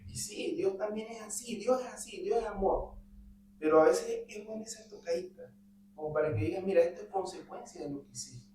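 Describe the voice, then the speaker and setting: Dad chatting animated about his kid, somewhat high voice, roomy far-off mic with a faint hum. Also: a little fast. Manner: animated, acts out dialogue with his son. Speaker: Bible study participant. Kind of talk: conversational testimony.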